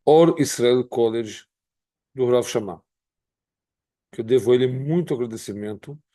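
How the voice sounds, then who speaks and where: A man's voice: medium pitch, dark tone, no room sound, studio quality. Earnest Carioca man in his fifties. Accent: Carioca Brazilian Portuguese. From Brazil. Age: 50s. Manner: measured, earnest, pauses often between phrases. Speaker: rabbi. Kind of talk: personal testimony.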